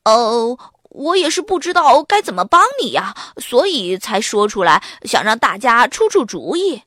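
A woman's voice: a little high, sing-song, a bit bright, breathy edge, no echo, studio quality, full character voice. A woman doing an eager helpful schoolboy. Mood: sheepish. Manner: eager, quick to offer ideas, sheepish. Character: cheerful, well-meaning boy, a loyal friend.

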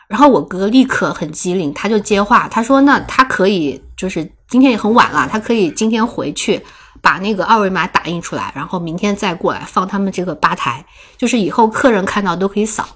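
Young woman co-host, casual storyteller, laughs often, mid-pitched voice. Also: a little fast, husky. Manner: lively, laughs often while telling a story. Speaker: podcast co-host.

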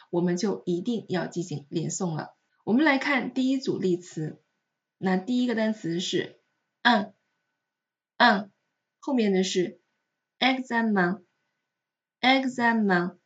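A woman teaching French in a recorded lesson, explaining patiently and repeating example words slowly. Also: medium pitch, a little mellow, lo-fi sound.

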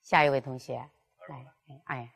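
A woman teaching a pronunciation class, explaining and demonstrating tones in a clear, measured way. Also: very deep voice, fairly even intonation, fairly bright tone. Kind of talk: classroom lesson.

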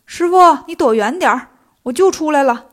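A woman's voice: high-pitched, lively intonation, normal speed. A woman voicing a cocky, boastful male monkey king hero in a storybook telling. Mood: eager.

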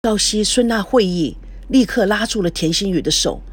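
A storyteller reads a scripted family drama in a steady, expressive way. The voice is husky and sits at a middling pitch. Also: normal speed. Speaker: narrator.

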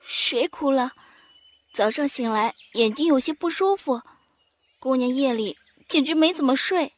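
A man voicing a caring young maid who coaxes and comforts her mistress in a soft, gentle way, in a storybook reading for children. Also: very high-pitched, a little slow, voice pushed up. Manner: gentle, coaxing and soothing.

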